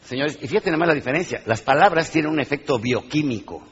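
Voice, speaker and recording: A man giving a live motivational talk, animated and questioning his audience, acting out little scenes. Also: a little high, fast, slightly rough. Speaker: motivational speaker. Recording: dull, reverberant hall sound.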